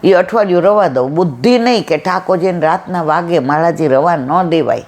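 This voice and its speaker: A woman's voice: lowish voice, a little fast, a little hiss or hum. Gujarati woman telling devotional stories. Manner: lively storyteller acting out dialogue. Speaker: satsang speaker. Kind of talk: devotional storytelling talk.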